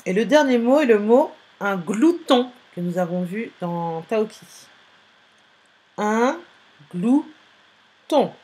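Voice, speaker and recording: A woman's voice: medium pitch, lively intonation, measured pace, hardly any pauses, dark tone. A woman teacher giving a spelling dictation to young pupils, repeating each word and spelling it out letter by letter. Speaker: primary school teacher.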